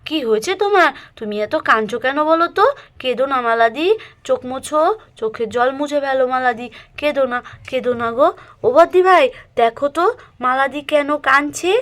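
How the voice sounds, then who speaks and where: Casting: woman playing a chatty young bride, high and quick, fussing over everyone. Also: fairly bright tone. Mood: eager. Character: young youngest daughter-in-law, eager and chatty.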